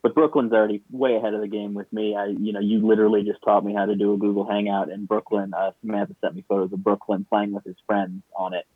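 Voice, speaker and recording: Low-voiced man over a tinny call line. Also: little pitch movement, quick pace, few pauses, husky, dry recording. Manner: rambling, with many restarts and stammered repeats. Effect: low-quality remote call audio. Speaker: podcast co-host. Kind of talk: casual chat. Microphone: remote video call.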